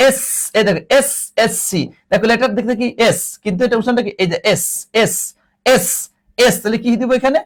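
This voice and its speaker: A man's voice: extremely high pitch, fast, hardly any pauses. A man teaching an English grammar class, repeating each word and teasingly scolding his students. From Bangladesh.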